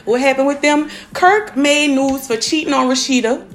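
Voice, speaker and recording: A woman's voice: high voice, fairly even intonation, normal speed. A woman hosting a casual podcast chat, brash and profane as she reads listener questions. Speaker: podcast host.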